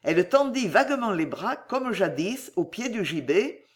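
A narrator giving a dramatic, expressive reading of a classic novel. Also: medium pitch, a little slow.

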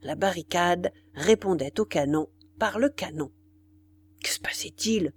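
A woman's voice: on the low side, measured pace, slightly rough. A woman narrating a novel in a dramatic, varied audiobook reading.

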